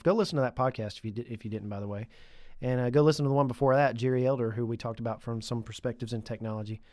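A man's voice: mid-range voice, a little mellow, no room sound, studio quality. A man with a stuffy nose hosting a podcast on his own, chatting casually and conversationally with lightly joking asides. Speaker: podcast host. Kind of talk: casual solo podcast talk.

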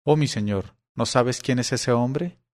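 A man voicing a chief palace eunuch in a storybook reading. He speaks slowly and softly, in a deferential tone. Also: mid-range voice, close to an everyday voice. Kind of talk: audiobook character reading.

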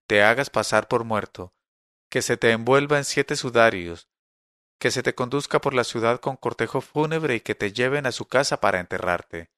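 A man reading a classic tale aloud in a calm, measured storytelling manner. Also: mid-range voice, no room sound, studio quality. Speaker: narrator.

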